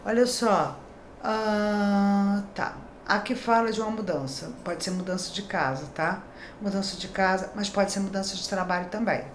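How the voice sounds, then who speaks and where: This mid-range female voice moves at a moderate pace, with echo and a slight hiss or hum. The speaker is a middle-aged tarot reader from Brazil doing a daily horoscope reading in a small decorated room, warm and talkative, frequently adding tag questions to check in.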